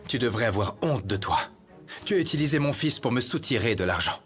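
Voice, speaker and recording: A man's voice: mid-range voice, expressive, fairly quick, soft background music, close to an everyday voice. An actor in a dubbed television melodrama playing a cold, contemptuous wealthy father. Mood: cold, scornful. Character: cold, contemptuous wealthy father rejecting his child's mother.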